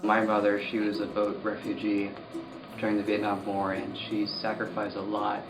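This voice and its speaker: A man's voice: lowish voice, monotone, normal speed, poor audio. A man speaking earnestly and plainly in an interview.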